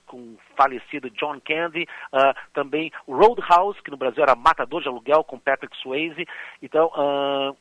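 Slightly hoarse Brazilian radio host. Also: male voice, on the high side, a bit bright, no echo, dull audio. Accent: Brazilian Portuguese. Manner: rambling, many fillers and restarts. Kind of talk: casual radio music talk.

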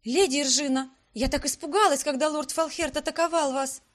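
A woman's voice: high-pitched, expressive, moderate pace. A woman voicing an emotional, tearful young noble lady, the heroine's best friend, in an audiobook. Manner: exclaiming, tearful.

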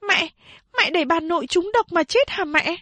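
A woman voicing a frightened young peasant girl asking anxious, begging questions in a high voice. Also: moderate pace, bright, forceful tone, no echo.

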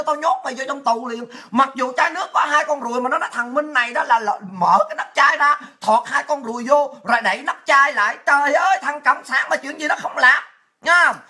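Woman, mocking ranting host, crude and sarcastic, bright edge to the voice. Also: high voice. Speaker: political commentator. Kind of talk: ranting monologue.

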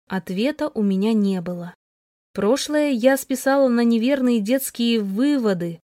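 A woman's voice: on the high side, no room sound, clean studio sound. Young woman narrating in first person. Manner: introspective, even.

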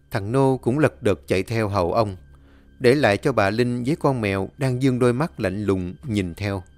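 A man tells a village horror tale in a measured, dramatic narrating voice. His pitch sits in the middle range. Faint music plays quietly beneath him. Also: no room sound. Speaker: storyteller. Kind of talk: scripted horror audiobook narration. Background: faint background music.

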